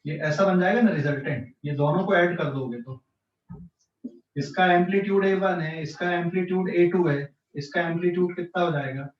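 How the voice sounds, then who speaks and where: A man with a high-pitched voice teaches physics in an online class at a moderate pace, explaining step by step and often checking whether students follow. He has a central Indian accent and mixes Hindi and English, and the recording sounds echoey, distant and lo-fi.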